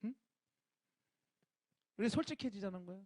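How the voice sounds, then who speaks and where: A man's voice: high-pitched, expressive, normal speed, darkish tone, dry recording. A male youth pastor giving a casual sermon to teenagers, talking informally and directly with emphatic rising bursts.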